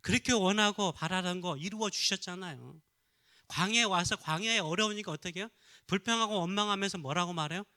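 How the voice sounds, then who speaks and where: Korean pastor guy preaching, high bright voice, keeps asking the crowd questions and answering them. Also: brisk. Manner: asks the congregation questions and answers them himself. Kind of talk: sermon.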